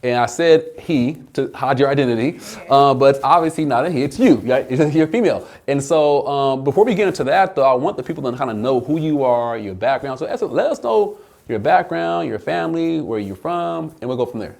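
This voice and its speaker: A man hosting a finance channel, pitching the video energetically, then interviewing a guest with many restarts. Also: animated, fairly quick, gravelly, a little mellow. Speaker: host.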